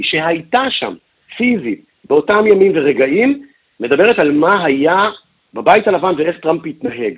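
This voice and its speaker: A man's voice: fairly high pitch, breathy edge, phone-quality sound. A man working as a news correspondent, giving a detailed radio news briefing and walking through events step by step with filler sounds.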